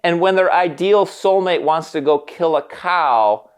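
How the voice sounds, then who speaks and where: A man's voice: fairly high pitch, unhurried, clear, resonant tone. A man co-hosting a candid conversation, explaining in a frank, casual way and acting out the voices he quotes. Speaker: podcast co-host, therapist.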